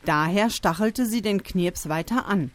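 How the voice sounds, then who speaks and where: Slow expressive storybook narrator, woman. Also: medium pitch. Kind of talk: storybook reading.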